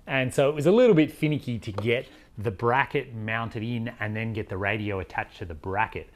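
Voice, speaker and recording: A man in his forties vlogs a DIY vehicle install, chatting to the camera at a slightly fast pace in a mid-range voice. He explains things in a relaxed, conversational way, as if thinking aloud.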